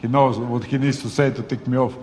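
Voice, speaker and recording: A man's voice: medium pitch, fairly even intonation, brisk, darkish tone, slight background noise. A man speaking as a boxer at a heated press conference, combative and swearing, often calling his rival "brother". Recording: echoey hall.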